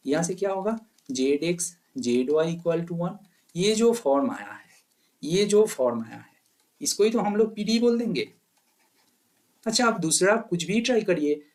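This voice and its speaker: A man teaching a maths lecture, asking questions and answering them himself, mixing in English terms. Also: a little high. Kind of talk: lecture to exam students.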